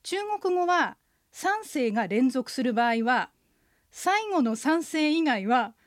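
A woman co-hosting a radio language lesson, explaining pronunciation clearly. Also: high-pitched, very animated, takes it slowly, no echo, studio quality.

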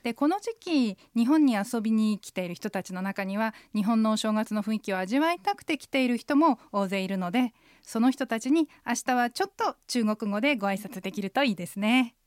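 Woman teaching a language on the radio, voice a bit on the high side, explains stuff clearly and slowly, super dry studio sound. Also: animated, dry recording. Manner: clear explanatory teaching, slow model pronunciation.

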